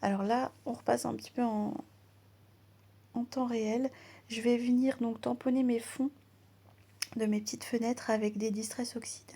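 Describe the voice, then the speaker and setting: Soft-spoken gravelly woman crafter. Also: a little high, level tone, moderate pace, pauses often. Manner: chatty, often slipping into a soft half-whisper. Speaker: crafting channel host. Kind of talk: casual crafting voice-over.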